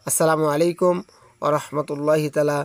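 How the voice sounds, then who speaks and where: Quran teacher, male, high voice, Bangladeshi Bengali accent, slow syllable drills, dry close mic. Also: little pitch movement, dry recording. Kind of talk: spelling out Quran recitation for learners.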